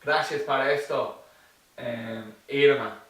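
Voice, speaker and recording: A man giving an online language lesson as the teacher, explaining slowly and repeating example phrases. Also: mid-range voice, steady tone, a bit bright. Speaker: English teacher. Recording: roomy echo, mic at a distance.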